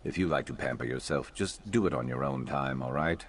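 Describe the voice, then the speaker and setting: A man's voice: extremely low pitch, a little fast, slight background noise. An actor playing an aloof, blunt, unbothered male companion in video game dialogue. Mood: indifferent. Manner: blunt, indifferent.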